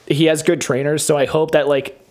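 A man with a slightly high voice chatting on a podcast. He rambles loosely, leaning on "like" between thoughts. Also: flat delivery, fairly quick, darkish tone. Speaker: podcast co-host. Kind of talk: casual chat.

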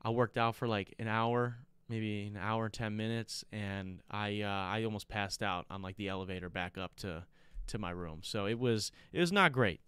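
An American man hosts a solo podcast in a rambling, conversational way, circling back over his words. His voice sits a little low and is very clean and resonant, yet congested with a sick, blocked nose. The recording is dry and close. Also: level tone, normal speed, a bit bright, clean tone, dry recording. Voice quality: congested, stuffy-nosed. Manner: rambling, conversational, repeats himself. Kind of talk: casual chat to listeners.

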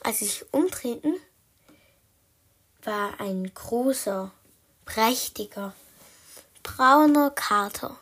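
A woman telling an improvised children's story in a soft, partly whispered way, with hesitations. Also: a little high, slow, pauses often, husky.

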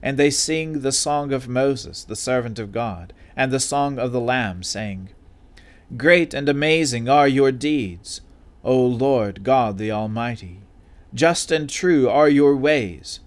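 Guy reading scripture at evening service, slow solemn formal, mid-pitched voice. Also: animated. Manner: measured, solemn, formal delivery. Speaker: scripture reader and officiant.

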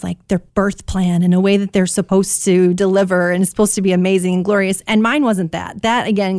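A young woman recounts her personal testimony in a candid, conversational way, acting out her own past thoughts as she goes. Her pitch is mid-range, and the recording is close and dry, with no room sound. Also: a little mellow, dry recording. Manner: candid, conversational, quotes herself often. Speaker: interviewee sharing testimony.

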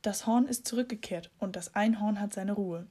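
A woman voicing a calm, secretive middle-aged man who speaks solemnly. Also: mid-range voice, moderate pace, natural voice.

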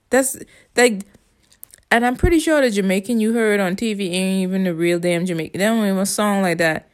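Speaking at a medium pitch with a Bahamian accent, this vlogger from the Bahamas rambles casually, sounding exasperated, blunt, and foul-mouthed.

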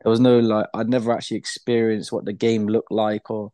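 Relaxed young British man, low mellow voice. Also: fairly quick, dry recording. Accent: British English. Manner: relaxed, laughs easily, many fillers. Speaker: podcast guest, blind footballer. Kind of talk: casual interview chat.

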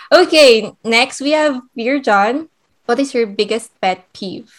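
A woman co-hosting a chatty podcast, her voice a little high and upbeat as she hands questions to the guests. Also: slow pace. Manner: upbeat, moves the talk along. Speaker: podcast co-host. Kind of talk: casual Taglish chat.

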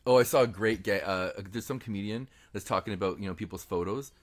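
A man's voice: fairly low pitch, quick pace. A man in his forties chatting through a movie commentary with dry, wry asides. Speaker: podcast co-host. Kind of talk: casual movie commentary chat.

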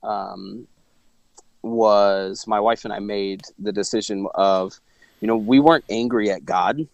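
A man's voice: on the low side, fairly even intonation, takes it slowly, creaky, no room sound, dull audio. Reflective, rambling man from Missouri. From Missouri, USA. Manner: reflective, rambling with many fillers and restarts. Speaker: interview guest. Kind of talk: casual faith-based conversation.

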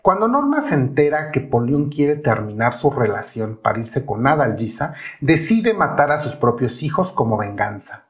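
Man, podcast host, storytelling narration, rising emphasis on linking words, medium pitch. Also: very animated, normal speed, few pauses.

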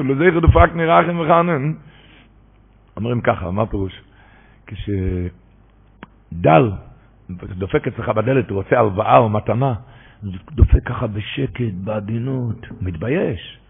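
A man giving an animated religious lecture on a Talmud commentary, building to emphatic preaching. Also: a little high, gravelly, husky. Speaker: Torah teacher. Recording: tinny phone-line radio broadcast.

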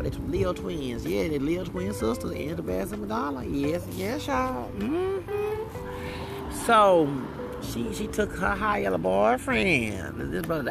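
A podcast host in his forties delivers a casual, chatty monologue outdoors near a street, often breaking into bits of songs. His voice sits high and carries vocal fry.

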